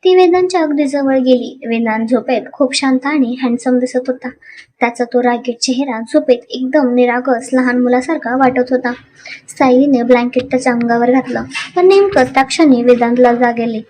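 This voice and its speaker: A woman narrating a dramatic story in an expressive, animated way. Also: sits high, moderate pace.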